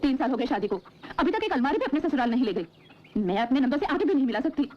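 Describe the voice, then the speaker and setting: An aggrieved young wife, complaining, high and lively, fast, muffled film audio. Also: female voice, crowd noise. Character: resentful married young woman, hurt by in-laws. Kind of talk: Hindi film acting. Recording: slightly muffled film soundtrack.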